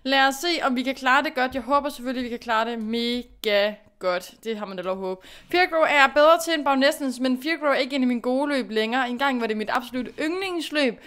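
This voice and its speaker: A young woman with a high, smooth, clear voice narrates her own gameplay in a chatty, self-directed way. She pushes herself to focus, scolds her own mistakes and praises her own good moves. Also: few pauses, a bit bright. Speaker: gaming youtuber. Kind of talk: casual gameplay commentary.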